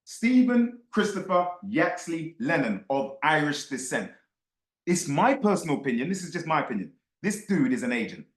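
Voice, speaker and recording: A book club host speaks to his followers in impassioned, off-the-cuff commentary, emphatic and full of repeated phrases and rhetorical questions. His voice sits on the high side with big pitch swings at a moderate pace. The sound is roomy and echoey.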